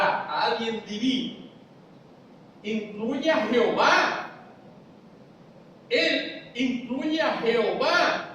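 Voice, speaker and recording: A man's voice: high-pitched, a bit bright, distant mic, a little hiss or hum. A man preaching a Bible study in church, explaining step by step and checking whether the audience follows. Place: church hall. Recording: echoey church hall, voice from afar.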